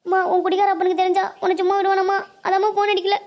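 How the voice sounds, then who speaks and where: Someone doing a high fussy village granny. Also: completely flat delivery, racing, darkish tone. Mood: grieving. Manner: scolding and fond. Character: fussy older village grandmother. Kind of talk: cartoon voice acting.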